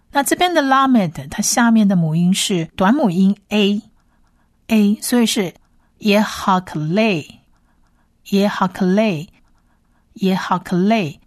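A woman's voice: medium pitch, dry recording. Patient woman teaching pronunciation, dry sound. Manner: repeats each sound slowly and patiently. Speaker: Hebrew teacher. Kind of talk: slow pronunciation lesson.

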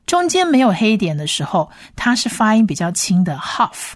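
A woman's voice: mid-range voice, big pitch swings, dry recording. Patient woman teaching pronunciation, dry sound. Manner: repeats each sound slowly and patiently. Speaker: Hebrew teacher. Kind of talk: slow pronunciation lesson.

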